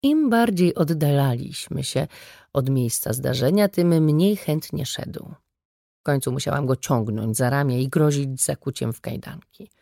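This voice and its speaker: A woman reading a first-person audiobook story with brisk, wry storytelling. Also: a bass voice, animated, vocal fry, warm tone, dry recording, studio quality. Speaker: audiobook narrator. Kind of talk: scripted first-person narration.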